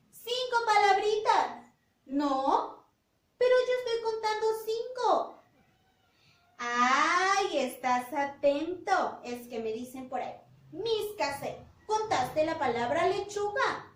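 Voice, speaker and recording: A woman teacher leads young children through a phonics game, stretching each word out in a slow sing-song. Her voice sits high and swoops all over. It is recorded in an echoey room, a bit away from the mic. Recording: roomy echo, voice from a distance.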